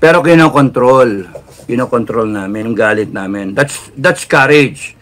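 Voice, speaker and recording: A man with a Filipino accent giving a heated political rant, mixing Tagalog and English, swinging from loud outbursts to low, controlled intensity. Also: a little slow, a little hiss or hum. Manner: heated, swings between shouting and lowered intensity. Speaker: political commentator.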